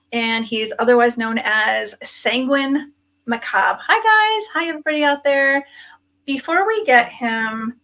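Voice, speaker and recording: Higher-voiced woman hosting a show. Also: bright, forceful tone. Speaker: show host.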